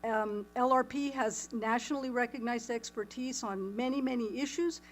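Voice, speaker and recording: A woman's voice: fairly high pitch, normal speed, soft background music. Moderator woman introducing conference speakers. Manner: reads bios with fillers and small restarts. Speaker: panel moderator.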